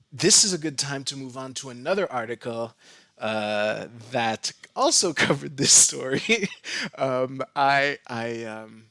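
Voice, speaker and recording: A man's voice: mid-range voice, pushed and bright, dry recording. Male streamer, casual commentary, stop-start and stammering, dry close sound. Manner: halting, many restarts and stammered repeats. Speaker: live streamer.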